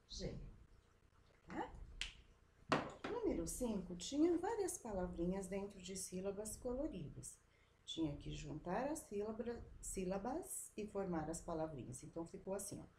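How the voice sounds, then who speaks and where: A Brazilian woman schoolteacher going over exercises with young children in a slow, drawn-out, sing-song teaching voice. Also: mid-range voice, big pitch swings. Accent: Brazilian Portuguese. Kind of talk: remote class lesson for young children. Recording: echoey room with faint background noise.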